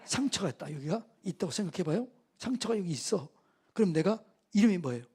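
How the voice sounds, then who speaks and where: A man's voice: high voice, expressive, quick pace, darkish tone, husky. A man preaching at a church revival meeting, asking the congregation questions and answering them himself. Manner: call-and-response preaching, asks the congregation questions. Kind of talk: sermon.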